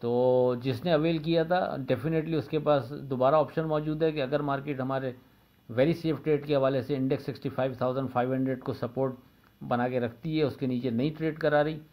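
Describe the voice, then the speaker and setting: A man from Pakistan with a Pakistani Urdu accent giving a daily stock market forecast, steady and methodical, often pausing with fillers. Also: medium pitch, highs cut off. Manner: steady, methodical, repeats figures and levels, frequent "uh" fillers.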